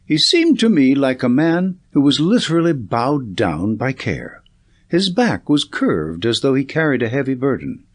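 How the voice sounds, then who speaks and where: A man voicing an earnest, observant gentleman doctor in an audiobook, descriptive and slightly poetic. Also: medium pitch, big pitch swings, normal speed, pitched above the performer's own voice. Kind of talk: audiobook character reading.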